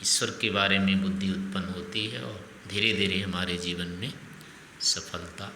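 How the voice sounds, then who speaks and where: A man's voice: deep voice, fairly even intonation, moderate pace, bright, forceful tone. An older man giving a spiritual discourse as a teacher, reasoning aloud with rhetorical questions. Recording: echoey hall with faint noise.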